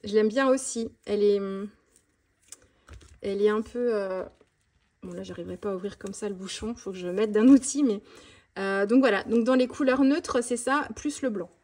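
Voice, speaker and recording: A woman vlogger chatting fast and casually about her art supplies, with many fillers and restarts. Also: mid-range voice, darkish tone. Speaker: mixed-media art vlogger. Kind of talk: casual tutorial chat showing art supplies.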